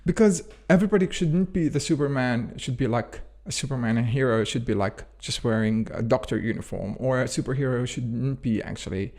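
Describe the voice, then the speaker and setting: A man from Jordan, a food scientist and company founder, rambles through conversational answers as an interview guest, leaning on "actually" and "sort of." His mid-range, darkish voice moves a little fast with hardly any pauses.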